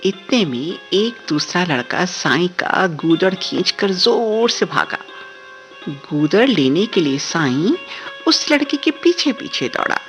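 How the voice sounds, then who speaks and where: A woman reading a story aloud for a radio drama reading, measured and expressive. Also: lowish voice. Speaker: story reader.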